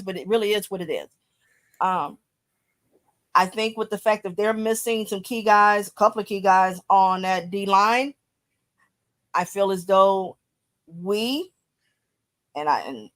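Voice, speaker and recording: A woman with a Texan accent co-hosting a sports podcast, talking bluntly with plenty of profanity. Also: mid-range voice. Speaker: podcast co-host. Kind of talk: casual sports talk.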